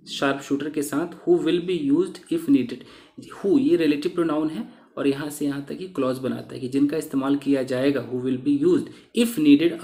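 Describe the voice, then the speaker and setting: A man teaching English through newspaper reading. He reads each English phrase slowly, then explains it quickly. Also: a little high, darkish tone, echoey room.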